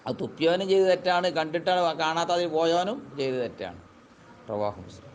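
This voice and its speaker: A man teaching a classical religious text, reading Arabic slowly and then explaining in quick colloquial speech. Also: a little high, sing-song, slight background noise.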